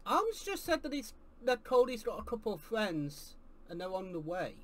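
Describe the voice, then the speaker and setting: A man reviewing a wrestling show live, excitable and swearing heavily, breaking into shouts. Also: high-pitched, moderate pace. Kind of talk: live watch-along commentary.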